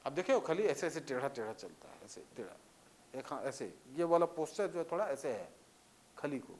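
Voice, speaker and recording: A man's voice: fairly high pitch, big pitch swings, brisk, a little mellow, slight background noise. A man teaching a lecture in a conversational way, often checking that students understand with repeated questions. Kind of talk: classroom lecture.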